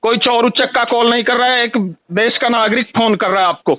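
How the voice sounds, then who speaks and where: An angry man complaining loudly on a recorded phone call. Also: very high voice, fairly even intonation, brisk, dry recording. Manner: furious, ranting, repetitive. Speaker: angry caller.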